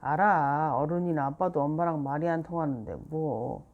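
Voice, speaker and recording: A woman reading a children's book aloud and voicing a gentle father who speaks softly and slowly. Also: deep voice, dull audio, lightly acted. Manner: soft, slow, soothing.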